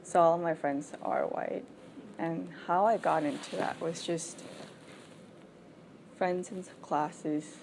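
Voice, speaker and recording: A woman's voice: lowish voice, fairly even intonation, slow pace, creaky, long pauses, background noise. A woman in her twenties from Thailand, giving frank, chatty answers as an international student in an interview. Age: 20s. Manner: frank and chatty, with frequent "like" fillers. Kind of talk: candid casual interview answers.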